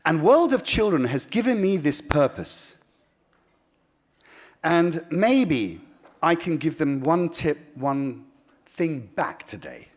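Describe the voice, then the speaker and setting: A man giving an earnest award acceptance speech as a charity founder, with many pauses and restarts, swinging between emphatic and soft delivery. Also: fairly high pitch, big pitch swings.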